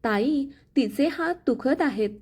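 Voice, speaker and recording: Woman voicing a calm caring young husband. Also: sits high, unhurried, slightly rough, exaggerated voice. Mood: calm tender. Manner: calm, gentle. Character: kind protective young husband.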